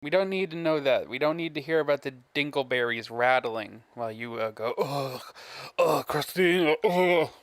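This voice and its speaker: A male stream host making sarcastic, deadpan comments on a clip. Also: medium pitch, a little fast, few pauses, dry recording. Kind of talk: mocking commentary.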